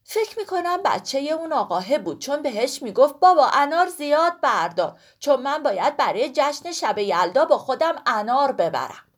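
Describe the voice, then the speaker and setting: A woman's voice: high voice, lively intonation, a bit bright, voice pushed up. A woman voicing a chatty, boastful talking pomegranate girl in a children's story, talking nonstop with lots of exclaiming. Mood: sad. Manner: talkative, exclaiming, whiny.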